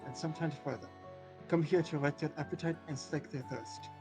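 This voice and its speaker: Man acting video game innkeeper, formal, courteous, storytelling, slightly high male pitch, loud music behind. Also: fairly even intonation, brisk, close to an everyday voice. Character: polite tavern proprietor telling patrons of a rotten bunch. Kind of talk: video game role voicing.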